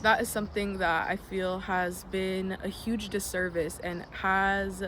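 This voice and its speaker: Unhurried and flat, a mid-range voice carries this reflective personal vlog by a young American adult. The vlogger speaks earnestly, with many ums and some offhand swearing, while birds and passing vehicles create a noisy backdrop.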